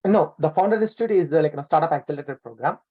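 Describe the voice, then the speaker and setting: A man's voice: fairly high pitch, racing. A man being interviewed about his businesses over a video call, his audio breaking up on a bad connection, talking at length with many "like, you know" fillers. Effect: bad connection, audio cutting out. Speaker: business owner interviewed as guest. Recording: tinny lossy video call line.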